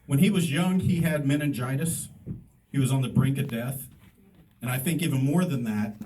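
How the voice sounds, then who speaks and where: A man's voice: mid-range voice, moderate pace, a little mellow, a little hiss or hum. A middle-aged man doing stand-up, telling a rambling anecdotal story with self-mocking asides to a live audience. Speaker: stand-up comedian. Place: comedy stage before a live audience. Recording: voice somewhat distant from the mic with faint room ambience.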